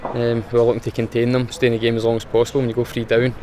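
Young scottish man, footballer, post-match interview, flat even tone, faint outdoor noise. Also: medium pitch, racing. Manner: plain, matter-of-fact, restarts with fillers. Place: outdoors in front of a sponsor board.

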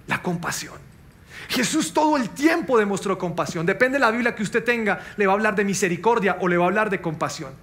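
Man, pastor, sermon, high voice, impassioned with soft asides.

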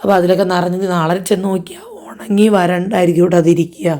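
A young woman with a hoarse voice and a blocked nose, narrating her day in a casual family vlog. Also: fairly low pitch, level tone, fast talker, dark tone. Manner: chatty, rambling daily-life narration. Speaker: family vlogger.

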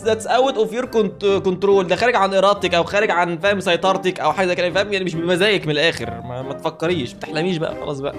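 A young man with an Egyptian Arabic accent, joking his way through follower questions in a casual vlog, with music playing behind him. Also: sits high. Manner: joking, rapid-fire banter, reading questions aloud. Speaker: YouTuber answering follower questions. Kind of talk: casual comedic vlog chat.

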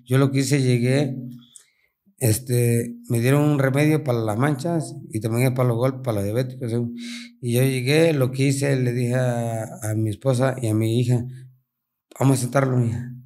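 A man's voice: mid-range voice, normal speed. Mexican man telling rodeo stories. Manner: colloquial, animated storytelling with slang. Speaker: bull rider. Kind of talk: casual interview.

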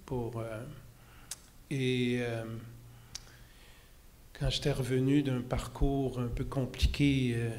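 A man's voice: mid-range voice, flat delivery, slow, pauses often, a little mellow. A man in his sixties, a pediatrician speaking on a conference panel into a handheld mic, rambling and self-deprecating with many hesitations. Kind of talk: panel conversation. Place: conference stage.

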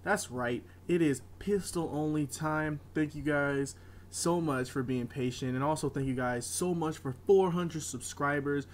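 A man's voice: fairly high pitch, unhurried, faint music behind. Sick man chatting to his viewers. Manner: apologetic, rambling with fillers. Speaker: gaming video creator. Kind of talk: casual chat to viewers.

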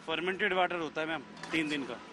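A man's voice: a little high, fast. A man who runs a street food stall, answering a reporter in an easygoing, reassuring way. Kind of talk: street interview. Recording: noisy street crowd behind. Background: street crowd.

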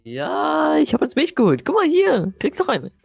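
A woman's voice: sits high, wildly swooping pitch, moderate pace, vocal fry, soft background music, exaggerated voice. A woman voicing a carefree, teasing grown-up professor companion in a Minecraft role-play video.

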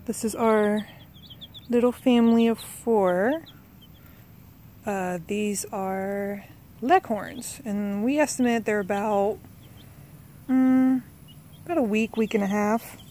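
A woman vlogger with a warm, mid-range voice chats casually to her handheld phone camera in a backyard, speaking slowly with long pauses. She coaxes her pets in a sing-song tone, and a little hiss or hum is present.

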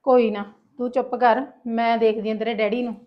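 A woman's voice: fairly high pitch, level tone, a little fast, highs cut off, natural voice. A woman with a Punjabi accent playing a jealous, nagging village wife who scolds her husband and his sister. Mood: scolding. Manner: scolding and sharp. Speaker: quarrelsome wife and sister-in-law. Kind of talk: comic family drama acting.

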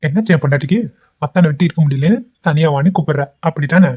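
A performer voicing a gentle, anxious young husband in a cartoon, asking questions and reassuring his wife. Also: medium pitch, rapid-fire, husky, close to an everyday voice. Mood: worried. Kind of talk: cartoon voice acting. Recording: tinny phone-like sound.

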